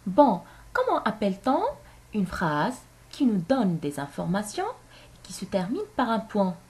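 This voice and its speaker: Slow, lively-voiced woman teaching children. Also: medium pitch. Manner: slow, clear, repeats phrases for pupils. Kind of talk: grammar lesson for children.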